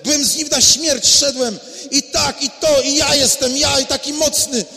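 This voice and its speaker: A man's voice: very high voice, fairly even intonation, normal speed, gravelly, pushed and bright, in a large hall, faint music behind, pitched above the performer's own voice, full character voice. A priest voicing a proud, self-assured male apostle who lectures his listeners about being strong and never failing. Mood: boastful. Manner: boastful, lecturing, emphatic.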